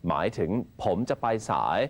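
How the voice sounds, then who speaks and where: A man's voice: normal speed, background noise. A man hosting a TV English lesson, patiently explaining phrases and then repeating them. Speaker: TV English teacher host.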